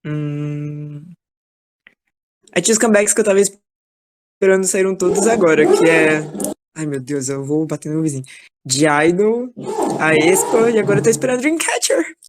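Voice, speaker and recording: Woman, slightly low, enthusiastic chatterbox, video-call audio. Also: animated, moderate pace, pauses often, noisy background. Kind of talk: casual chat in an online class.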